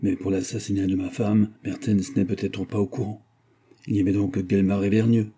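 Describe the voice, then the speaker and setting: A man's voice: on the low side, little pitch movement, normal speed, mellow, a little hiss or hum. A man narrating a crime novel in the first person, in a wry, matter-of-fact way. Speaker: audiobook narrator.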